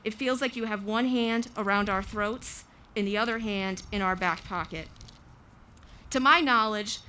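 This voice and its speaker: Bright, forceful woman giving a protest speech. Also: mid-range voice, a little hiss or hum. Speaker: small business owner speaking at a rally. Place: outdoors in front of a government building.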